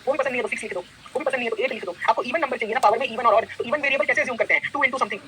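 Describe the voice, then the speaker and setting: A man lectures a math class at a fast clip, firing repeated questions at his students. His voice is bright and forward, with a faint hiss of noise under it. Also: very high voice, low-quality recording. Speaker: math teacher. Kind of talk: classroom lecture, mixing Hindi and English.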